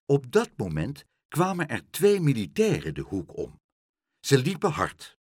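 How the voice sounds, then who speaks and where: Brief: male storyteller, slow and highly expressive children's read. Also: slightly rough, no room sound, clean studio sound. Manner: expressive and slow, with dramatic pauses. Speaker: narrator.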